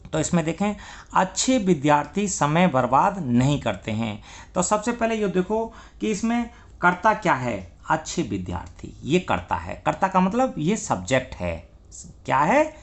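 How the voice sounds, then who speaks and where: A man's voice: fairly high pitch, creaky. A man teaching English grammar, asking questions and answering them himself and spelling words out letter by letter. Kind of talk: classroom lesson.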